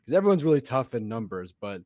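Man, voice hoarse from yelling, mid pitch, dry recording, casual sports podcast co-host. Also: very animated, quick pace, no echo. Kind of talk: animated casual sports chat.

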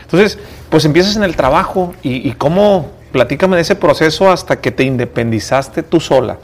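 A man's voice: on the high side, animated, moderate pace. A man hosting an interview podcast, asking earnest, probing questions. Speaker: podcast host.

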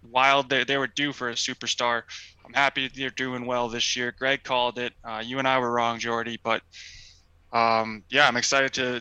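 A man's voice: medium pitch, sharp tone, clear, resonant tone, no room sound, poor audio. A man co-hosting a casual sports podcast, talking enthusiastically with loose fillers. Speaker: podcast co-host.

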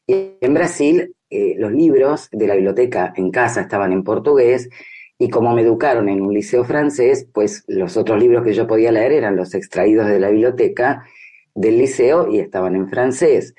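A novelist in her fifties who grew up in Brazil speaks with a Rioplatense Spanish accent in a warm, bass voice at a moderate pace. During a literary interview she reflects expressively, repeating phrases for emphasis.

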